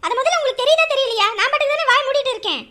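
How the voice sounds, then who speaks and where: An actress playing a resentful young daughter-in-law who pleads defensively and complains quickly. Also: female voice, extremely high pitch, animated, bright, forceful tone, heavily acted. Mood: defensive pleading. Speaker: daughter-in-law in a family drama.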